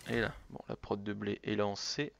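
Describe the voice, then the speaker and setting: A man's voice: on the low side, level tone, normal speed, creaky, fairly bright tone, slight background noise. A man streaming a strategy game, muttering calculations to himself between jokey asides. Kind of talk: casual let's-play commentary.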